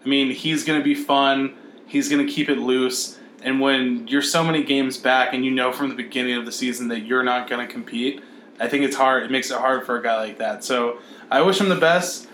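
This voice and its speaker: A man's voice: medium pitch, steady tone, fairly quick, a bit bright, reverberant, a little hiss or hum. A man co-hosting a podcast in casual sports chat, blunt, opinionated and profane. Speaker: podcast co-host.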